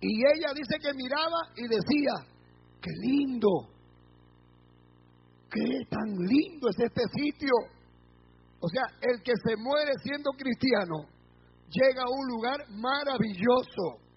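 A man's voice: extremely high pitch, animated, slow pace, pauses often, a little hiss or hum. A man preaching as pastor, retelling a believer's words to his congregation. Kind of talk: sermon. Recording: muffled lo-fi church recording.

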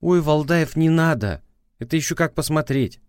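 Man putting on a shrill, scornful ex-wife. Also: moderate pace, a little mellow, smooth, no room sound, close to an everyday voice. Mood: lecturing. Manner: lecturing, mocking, prosecutorial. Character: scornful, nagging woman, ex-wife.

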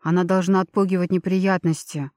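A woman voicing a touchy, indignant young man who scolds loudly, in an audiobook. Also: on the low side, flat delivery, a little fast, dry recording, clean studio sound, lightly acted.

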